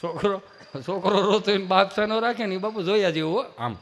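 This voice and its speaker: A man doing live folk comedy storytelling on stage, animated and acting out family characters. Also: high-pitched, fast, a little hiss or hum. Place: live stage event with audience.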